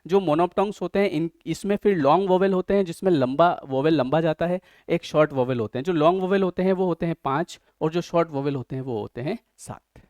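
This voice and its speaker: Indian male tutor, fairly high voice, dry close mic, explains step by step and checks students follow. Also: a little fast, hardly any pauses, a little mellow, no room sound. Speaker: teacher. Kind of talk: online exam-prep lesson.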